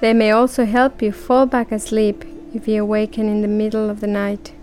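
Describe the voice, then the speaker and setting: A woman guiding a relaxation breathing exercise, speaking calmly and counting breaths aloud with long pauses. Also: medium pitch, slight background noise. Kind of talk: guided relaxation script.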